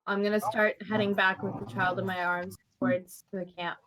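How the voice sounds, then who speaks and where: A woman's voice: mid-range voice, flat delivery, moderate pace, a crowd in the background, poor audio. A woman taking part as a player in a tabletop game, friendly and plain-spoken. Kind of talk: casual chat during a tabletop game.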